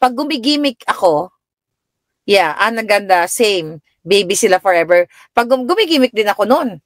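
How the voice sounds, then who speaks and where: On a casual live stream from her U.S. home, a Filipina in middle age answers viewers and tells stories about her adult children, her voice springing upward as she quotes herself. She speaks in a sing-song way at normal speed, and the audio is clean studio sound with no echo.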